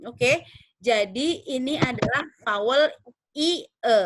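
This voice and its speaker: A young woman teaching English pronunciation in a class, drilling words slowly and checking that students follow. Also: high voice, background noise. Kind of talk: online pronunciation lesson.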